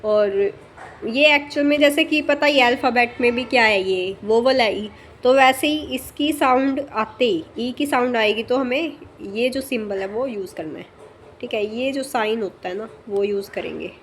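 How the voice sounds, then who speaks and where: Her voice is on the high side, with slight background noise, as she teaches shorthand in a relaxed, spoken way. Explaining slowly with many fillers, she checks in often and quiets down while writing.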